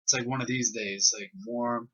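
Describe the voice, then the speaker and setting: Bright-voiced young man, laughing podcast storyteller. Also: mid-range voice, normal speed. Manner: laughs through his stories, slangy and excitable. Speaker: podcast co-host. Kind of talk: casual uncensored podcast chat. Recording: dull lo-fi podcast recording.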